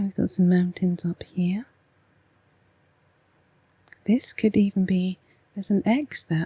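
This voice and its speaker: A woman with an English accent, speaking in a hushed, half-whispered voice as she hosts a soft-spoken, rambling ASMR card reading. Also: medium pitch, husky, dry recording. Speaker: oracle card reader and ASMR host.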